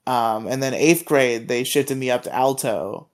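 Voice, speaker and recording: A man's voice: medium pitch, a little slow. A man co-hosting a podcast, telling long rambling stories in casual chat and stammering often. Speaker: podcast co-host.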